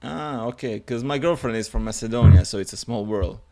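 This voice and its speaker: A young man hosts a fitness podcast in a mellow, medium-pitched voice, animated and a little fast. His talk is casual podcast chat, upbeat, enthusiastic, and informal.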